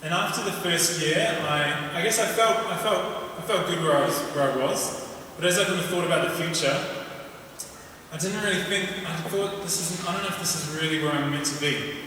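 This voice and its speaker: A man with a broad New Zealand accent tells his personal story to a gathering. His voice is bright and forceful, and he speaks informally and a little haltingly. He is heard at a distance from the mic in a long, reverberant hall. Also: fairly high pitch. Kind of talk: personal testimony talk to a gathering. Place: large reverberant indoor venue. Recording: echoey hall, distant mic, faint noise.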